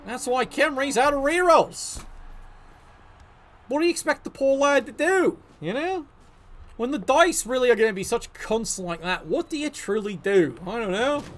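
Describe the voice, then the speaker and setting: A man's voice: very high-pitched, expressive, normal speed, fairly bright tone. A man commentating a video game league match, sarcastic, joking and swearing freely.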